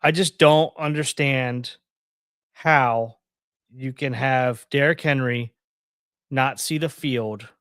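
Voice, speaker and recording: A man's voice: mid-range voice, slow, long pauses, fairly bright tone, clean tone, no echo. A man co-hosting a sports podcast, frustrated and swearing, repeating his points for emphasis. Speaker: podcast co-host. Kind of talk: casual sports rant.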